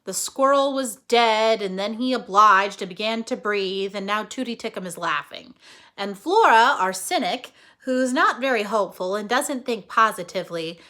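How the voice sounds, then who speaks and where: A teacher with a high, animated voice reads a story aloud to children. She is expressive, explains things simply in asides, and often checks in with her listeners.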